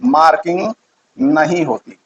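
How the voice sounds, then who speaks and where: A man's voice: on the high side, big pitch swings, slow pace, muffled recording. A man giving a physics lesson, repeating key terms and quizzing his students. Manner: repeats key terms, asks quiz questions. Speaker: teacher.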